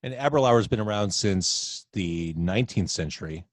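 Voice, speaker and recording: This podcast host has a lowish voice and moderate pace, the sound clean and studio-like with no echo. He's at home in quarantine on a video call, hosting a casual chat in a lively, playful, jokey way.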